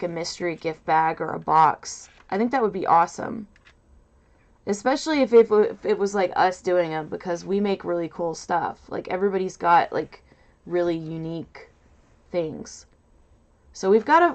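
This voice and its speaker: A woman hosting a casual crafting livestream in a loud, nasal voice, rambling and hesitant with lots of fillers, from a mic set off to her side. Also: on the low side. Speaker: livestream host. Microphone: mic set off to the side, away from camera.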